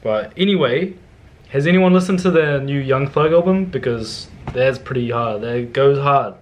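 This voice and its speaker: A man's voice: medium pitch, lively intonation, moderate pace, a little hiss or hum. A young man casually talking through a bread recipe in his home kitchen, laid-back and slangy, picked up by the camera mic. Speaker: cooking vlogger. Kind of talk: casual cooking demonstration.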